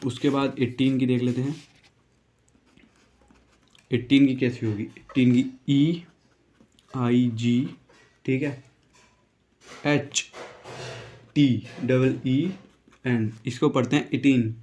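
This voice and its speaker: A man's voice: mid-range voice, steady tone, slow pace, pauses often, a little mellow, lo-fi sound. A male teacher giving a casual spoken lesson, spelling words letter by letter, repeating each pronunciation and checking in with "okay". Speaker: English teacher.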